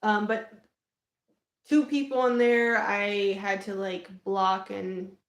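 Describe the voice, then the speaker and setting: A young woman chats through a personal story on a live stream, circling back with plenty of "um"s and "like"s and restarting her sentences. Her voice sits at an ordinary middle pitch. The room around her rings with noticeable echo. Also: little pitch movement, slow. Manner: rambling, many fillers and restarts. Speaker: vlogger. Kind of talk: casual livestream storytelling. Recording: echoey room.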